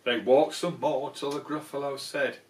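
An older man reads a children's story with expression in a small indoor room filled with soft toys. His mid-range, darkish voice keeps a fairly even intonation at a moderate pace. A camera placed a short way off picks him up, so the sound is roomy and distant.

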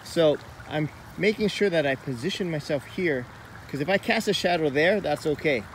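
Man, 30s, fishing vlog host, upbeat explainer, fairly high voice, faint stream noise behind, handheld camera at arm's length. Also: expressive, normal speed. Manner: upbeat, explanatory, talking to camera while walking. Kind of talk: outdoor fishing tutorial vlog. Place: outdoors by a wooded creek. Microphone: phone or camera at arm's length.

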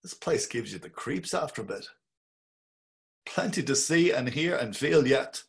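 A middle-aged actor reading a male lead on a video call voices a wry Dublin man lost in brooding thought. The musing inner monologue is slow and measured, delivered through his webcam in a mid-range voice with lively intonation.

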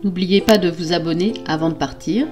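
A woman's voice: lowish voice, a little fast, music in the background. Older woman reading a fairy tale. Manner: steady, dramatic narration. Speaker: storyteller. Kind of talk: storybook reading.

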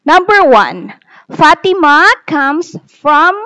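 A woman teaching an English lesson over slides, reading aloud slowly and asking pupils questions. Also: high voice, big pitch swings, pushed and bright, low-quality recording.

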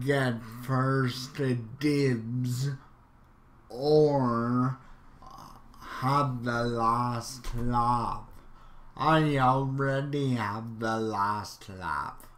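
A man's voice: mid-range voice, fairly bright tone. A man reading out would-you-rather questions and answering them offhandedly in casual commentary. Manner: reads questions aloud, then answers offhand. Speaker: YouTuber.

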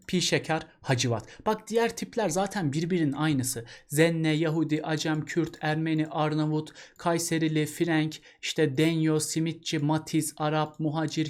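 A man's voice: on the high side, a little mellow. Chatty male teacher with rhetorical questions. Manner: chatty, keeps asking rhetorical questions and calling the student "buddy". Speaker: literature teacher. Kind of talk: exam-prep lesson.

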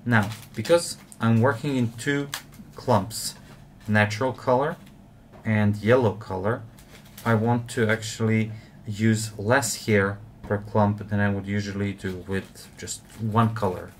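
Low-voiced man explaining fly tying. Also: unhurried, a little hiss or hum. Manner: relaxed, explanatory, frequent uh fillers. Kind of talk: step-by-step tutorial narration.

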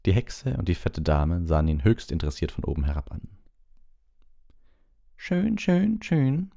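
A man reading a storybook aloud as an audiobook, in a calm, measured storytelling manner with small slips. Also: very deep voice, creaky. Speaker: audiobook reader.

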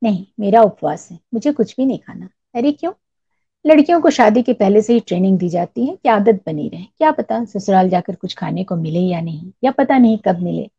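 A woman's voice: medium pitch, expressive, normal speed, mellow, breathy edge, dry recording. A woman reading a wistful young bride-to-be. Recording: dull lo-fi recording.

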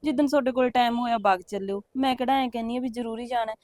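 A woman's voice: fairly high pitch, steady tone, rapid-fire, no room sound, clean studio sound, close to an everyday voice. A young woman with a Punjabi accent playing a newly married wife who coaxes and complains to her husband. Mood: hurt. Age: young adult. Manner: soft, coaxing, complaining. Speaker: actor in a short film. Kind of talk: village short-film acting.

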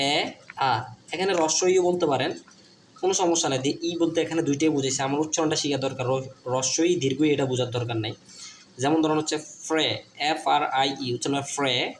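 A man teaching a lesson, spelling words letter by letter and slowing down to sound out each syllable, repeating key points and checking in with his listeners. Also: on the high side, a little hiss or hum.

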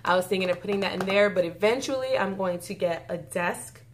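A chatty woman shows off her bargain finds, gushing with delight and calling out to her viewers. Her voice sits at an ordinary middle pitch and her talk runs loose and casual. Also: fairly quick, a little hiss or hum. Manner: chatty and gushing, keeps saying y'all. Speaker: beauty vlogger. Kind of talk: casual haul video chat.

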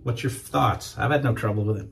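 A man's voice: mid-range voice, a little fast, gravelly, a little hiss or hum. A middle-aged man chatting casually to viewers while shaving at home. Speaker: wet shaving YouTuber. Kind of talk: casual shaving demo chat. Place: home shave room, indoors.

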